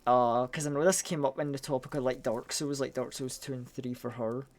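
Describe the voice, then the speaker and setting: Talking a little fast, this Scottish streamer narrates his live gameplay in a relaxed, profane, excitable way. The pitch sits in the middle, and his words stumble and repeat as ideas pour out.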